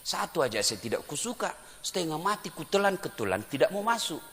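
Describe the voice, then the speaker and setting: A man voicing a naive, rich, illiterate old village man with a Bugis accent, shouting. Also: on the high side, big pitch swings, a little fast, long reverb tail. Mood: content. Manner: shouting into phone.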